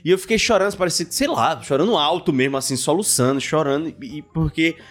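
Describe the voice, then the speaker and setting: A man rattles off his words at high speed in a casual podcast chat, recounting things with open emotion. Faint music sits behind him. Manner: rapid, emotional storytelling. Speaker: podcast co-host.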